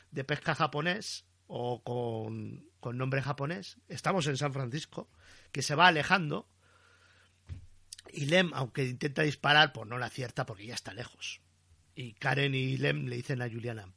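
Bright, animated man recapping. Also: fairly high pitch, gravelly. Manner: animated storytelling, acting out quotes. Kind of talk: casual recap chat.

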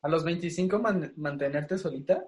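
A woman's voice: low-pitched, normal speed, darkish tone. A woman co-hosting a casual chat, chiming in with teasing quips.

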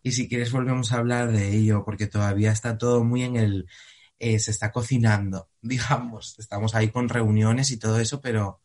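A man's voice: on the low side, fairly quick. A young man from Spain, an actor, chatting animatedly. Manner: animated, laughing, theatrical outbursts. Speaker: actor, interview guest. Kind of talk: casual interview chat.

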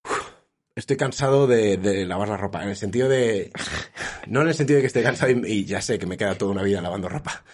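Self-mocking male co-host with a breathy voice, rambling in casual talk. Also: on the low side, quick pace. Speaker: podcast co-host. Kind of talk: casual chat.

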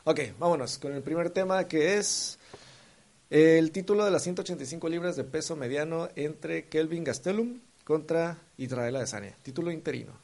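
A man's voice: on the high side, moderate pace, creaky, darkish tone. A man hosting a casual sports talk show, upbeat and running through the topics. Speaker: podcast host.

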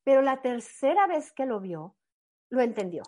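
A woman giving a motivational talk, telling a personal story in an animated, earnest and emphatic way. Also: a little high, moderate pace. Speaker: motivational speaker.

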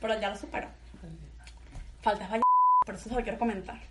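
A young woman tells a school story in casual podcast chat, animated and laughing. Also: medium pitch, fast talker, heavy background noise. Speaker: podcast co-host.

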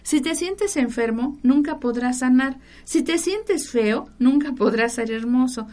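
A woman's voice: high voice, a little slow, a little mellow. A woman hosting a spiritual radio talk, speaking to the listener directly and giving instructions. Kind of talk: radio talk on prayer and angels.

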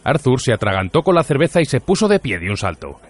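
A man narrates an audiobook in a lively voice that swings widely in pitch. His register sits in the middle, and his telling is measured and clear.

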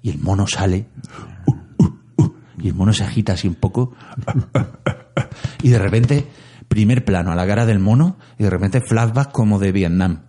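Guy w husky low voice retelling a plot, jokey n dramatic, kinda dark tone. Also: brisk. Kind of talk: casual chat.

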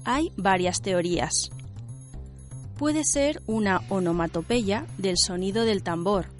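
A woman with a Spanish accent from Spain, presenting a radio program in a clear, measured teaching manner and interviewing students. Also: mid-range voice, faint music behind. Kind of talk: scripted narration and interviewing.

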